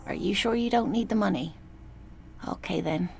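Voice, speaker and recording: A woman voicing a gentle, sweet, apologetic woman in a video game. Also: mid-range voice, moderate pace, gravelly, background noise, natural voice.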